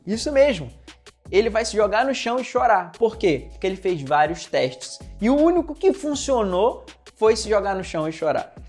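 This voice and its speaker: Male coach with a fairly high voice, telling stories in a chatty way to teach a lesson, soft music underneath. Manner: conversational, speaks straight to the listener and acts out quoted dialogue. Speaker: neurolinguistic programming coach. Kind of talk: online lesson told through personal stories. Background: faint background music.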